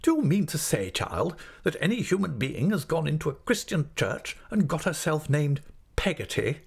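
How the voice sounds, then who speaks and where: Man putting on an imperious older woman, pitched high. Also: huge pitch swings, moderate pace, husky, exaggerated voice. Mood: indignant. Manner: emphatic, peremptory, declarative. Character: imperious, brusque older woman, indignant great-aunt. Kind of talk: audiobook character voice.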